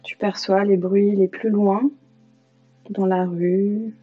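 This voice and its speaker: The recording is a yoga nidra session led by a woman teacher whose medium-pitched voice is gentle and calming, with long silences between phrases. It has a slightly dull, lo-fi quality, with music running underneath.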